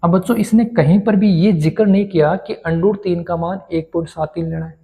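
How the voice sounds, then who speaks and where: A man's voice: sits high, steady tone, fairly quick, vocal fry, narrow, tinny audio. A man teaching a maths lesson, who keeps asking his students questions and then answers them himself. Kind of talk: classroom-style maths lesson.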